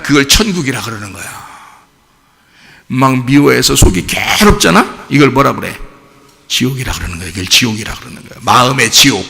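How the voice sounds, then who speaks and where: A male pastor preaches in a church sanctuary. His voice is gravelly and bright, and his pitch swings widely as he keeps asking the congregation questions. The long reverb of the hall trails after every phrase. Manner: animated, questioning the congregation, colloquial. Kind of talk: sermon.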